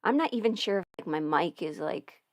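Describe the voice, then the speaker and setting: A woman livestreams alone from her house as an audio performer, chatting casually, rambling and muttering to herself while fiddling with settings. Her fairly low voice has lively intonation, and she speaks briskly. A studio mic through an audio interface gives studio quality with no echo.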